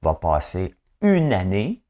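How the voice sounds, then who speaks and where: Deep-voiced Québécois man chatting casually. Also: wildly swooping pitch, slow pace, dark tone. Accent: Québécois French. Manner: chatty, keeps asking the listener "hein?". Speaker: host of a daily news show. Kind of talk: casual monologue sharing trivia.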